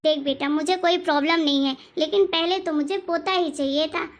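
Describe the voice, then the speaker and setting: A woman voicing a scolding, self-pitying grandmother in an animated family story. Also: high voice, fairly quick, close to an everyday voice. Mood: grumbling.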